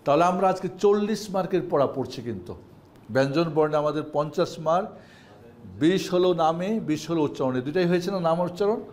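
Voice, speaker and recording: A man's voice: on the high side, fast, darkish tone. A male Quran teacher giving an online class, chanting the names of Arabic letters in a singsong drill and then explaining the homework.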